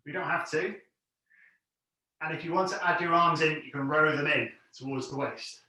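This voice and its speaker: A man's voice: on the high side, moderate pace, pushed and bright. A man instructing an exercise class, giving encouraging, plain step-by-step cues and counts. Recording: very echoey room, distant mic.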